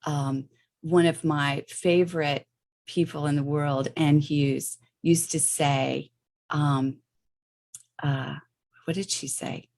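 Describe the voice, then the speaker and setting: A woman's voice: low-pitched, steady tone, slow, vocal fry, a little mellow. A middle-aged woman explaining a spiritual meditation practice in a loose, chatty way, often checking in with "okay" and "right". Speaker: spiritual teacher.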